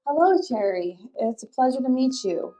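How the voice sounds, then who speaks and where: A woman investigating the paranormal for a vlog, politely and gently putting questions to spirits. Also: high voice, expressive, moderate pace, rough recording.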